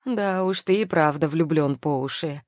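A woman's voice: sits low, moderate pace, darkish tone, no room sound, studio quality, natural voice. A woman reading the lines of a scheming, mocking male nobleman in an audiobook, in a coolly sneering, self-justifying manner.

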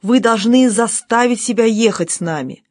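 A woman's voice: a little high, normal speed, darkish tone, no room sound, studio quality, natural voice. A woman reading a stern sarcastic colonel. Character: stern male colonel, sharp-tongued.

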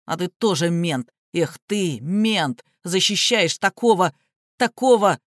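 A woman's voice: lowish voice, expressive, normal speed, no echo, clean studio sound, natural voice. A woman voicing a furious young man who bellows threats while posing as an enraged father. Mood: raging.

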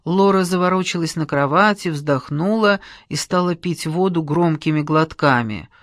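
Calm woman reading a novel aloud. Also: sits low, moderate pace, no echo, studio quality. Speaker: audiobook reader. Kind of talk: literary narration.

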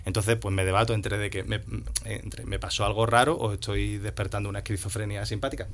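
A man's voice: lowish voice, fairly even intonation, brisk. A man, a podcast guest and musician, telling a story in a slangy, rambling, conversational way. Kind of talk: casual storytelling.

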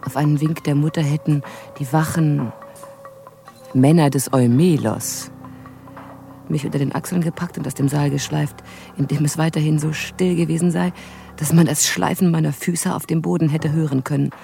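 An actress voicing a haunted young prophetess in a radio play, narrating in the first person with intense delivery that sinks into whispers. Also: female voice, deep voice, fairly even intonation, moderate pace, gravelly, dark tone, soft background music. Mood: brooding.

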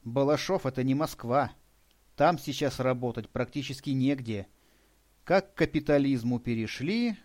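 A man's voice: mid-range voice, a little mellow. Man reading a story aloud. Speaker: audiobook narrator. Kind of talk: scripted narration.

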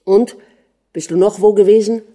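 A woman reading an audiobook and voicing a jealous, hot-tempered aristocratic prince who scolds and shouts at his wife. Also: mid-range voice, steady tone, moderate pace, pitched above the performer's own voice, close to an everyday voice. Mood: reproachful.

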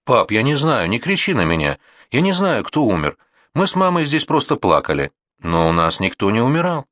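A man's voice: medium pitch, wildly swooping pitch, normal speed, fairly bright tone, no echo, studio quality, pitched above the performer's own voice. A man voicing a tearful teenage girl. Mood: pleading. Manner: whiny, complaining. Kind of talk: audiobook reading.

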